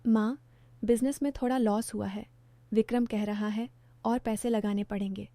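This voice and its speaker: A woman's voice: medium pitch, fairly even intonation, moderate pace, warm tone, no room sound, natural voice. A woman voicing a troubled young adult son in a spoken story, reading his lines evenly. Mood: defensive.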